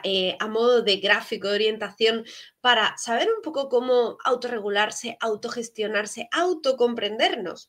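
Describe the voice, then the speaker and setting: Woman interviewer with a higher voice. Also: fairly bright tone. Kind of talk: interview question.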